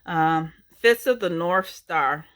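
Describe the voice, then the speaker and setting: A woman's voice: on the low side, slow, fairly bright tone. A middle-aged woman rambling nostalgically about her game collection in a casual chat, with lots of ums and uhs. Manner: rambling, nostalgic, many fillers.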